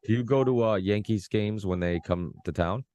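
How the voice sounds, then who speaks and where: A man in his thirties from Massachusetts hosts a casual podcast chat, his voice very deep and low. He rambles excitably, stacking fillers and false starts. The sound is close and dry. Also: moderate pace, smooth, no echo. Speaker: podcast host.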